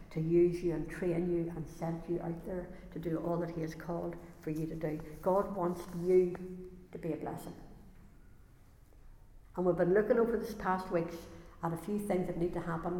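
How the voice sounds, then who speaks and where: A woman's voice: on the low side, mellow. A woman preaching a sermon to a congregation in an earnest way, often repeating words as she builds a point. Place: church or hall, before a congregation. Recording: echoey hall with long reverb.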